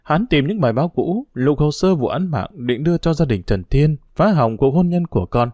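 A man voicing a caring middle-aged mother who reassures her daughter, gentle but firm. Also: on the high side, expressive, moderate pace, no room sound, clean studio sound.

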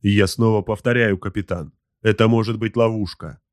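A man doing a careful, level-headed sergeant, spoken low and restrained in measured phrases. The audiobook read is close and dry. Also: steady tone, no echo, close to an everyday voice. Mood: cautious. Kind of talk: audiobook character voice.

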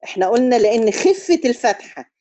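A woman with an Egyptian Arabic accent leads a tajweed lesson in a warm, mellow voice. She explains each rule step by step and often checks that her students follow. She sings out long, stretched syllables to show how the verse should sound, and the recording is close and dry. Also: fairly high pitch, sing-song, dry recording. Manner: chants drawn-out syllables to demonstrate recitation. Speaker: Quran recitation teacher.

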